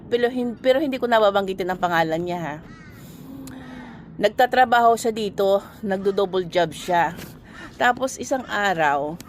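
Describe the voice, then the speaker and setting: A woman's voice: on the high side, a little hiss or hum. A woman working abroad, telling a story from her job in a chatty, casual way and repeating phrases for emphasis.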